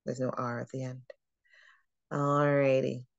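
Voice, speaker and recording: A woman who trains travel agents, giving a chatty screen-share walkthrough of software and thinking aloud as she clicks through it. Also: rumbling low, level tone, measured pace, creaky, no echo, muffled recording.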